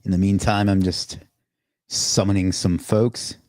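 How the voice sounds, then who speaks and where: A man's voice: low voice, little pitch movement, measured pace, darkish tone, no echo, clean studio sound. A man hosting a live stream, chatting loosely, rambling and reading out viewer comments as they come in. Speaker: livestream host. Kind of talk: casual live stream chat.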